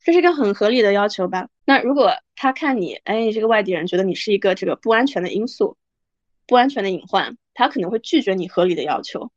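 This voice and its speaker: A woman's voice: medium pitch, lively intonation, quick pace, dry recording. Chatty woman host, dry dull sound. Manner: chatty, frank, acts out quoted people. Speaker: podcast host. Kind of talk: casual advice monologue.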